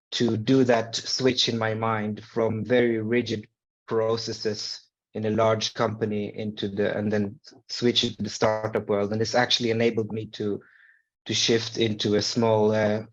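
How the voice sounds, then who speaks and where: A man's voice: lowish voice, highs cut off. A middle-aged man from Sweden speaking as an alumni guest on a video call, hesitant with many fillers. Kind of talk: casual panel answers on video call.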